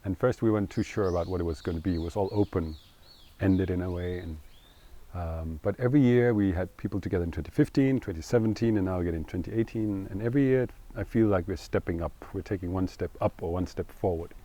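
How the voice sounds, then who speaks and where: A middle-aged man, speaking in English, talking earnestly and thoughtfully in an interview and pausing to find his words. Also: low voice, mellow. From Denmark. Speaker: co-founder interviewee. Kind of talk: reflective interview talk.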